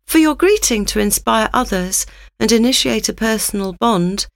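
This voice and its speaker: Lively narrating woman with gravelly fry. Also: on the high side, no room sound, clean studio sound. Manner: measured, instructive reading. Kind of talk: scripted narration.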